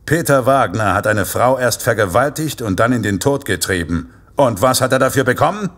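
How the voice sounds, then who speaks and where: A male actor voices a Santa-costumed vigilante killer bent on vengeance in a horror audio drama. His medium-pitched voice is expressive and a bit bright, carrying deliberate, self-righteous menace in a grim mood.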